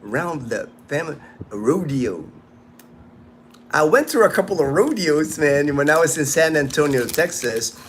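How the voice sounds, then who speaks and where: This host, a man in his late fifties, has a fairly high, expressive voice and speaks at a measured pace. He's livestreaming outdoors in the sun, reading viewer comments in an easygoing, rambling style with plenty of restarts, and there's slight background noise.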